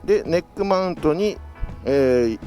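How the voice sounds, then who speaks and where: A man's voice: a little high, animated, unhurried, mellow, soft background music. A man chatting casually as a solo motovlogger, talking from inside a full-face motorcycle helmet into an action-camera mic. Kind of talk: casual solo vlog chat while riding. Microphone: action camera with external mic adapter.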